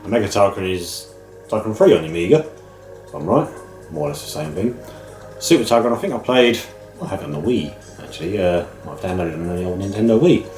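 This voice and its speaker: Middle-aged British male vlogger, lowish and a bit nasal with man flu, informal rambling chat, very roomy sound. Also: animated, quick pace. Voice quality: slightly nasal, bunged up with a cold. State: man flu, a head cold. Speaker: host of a video game pick-ups channel. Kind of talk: casual chat to camera. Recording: roomy echo, music underneath. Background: music.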